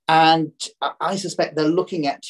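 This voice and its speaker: Croaky-voiced man talking markets. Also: fairly high pitch, steady tone, moderate pace, low-quality recording. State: coughing, croaky throat. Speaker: financial markets commentator on a podcast. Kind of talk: conversational market commentary.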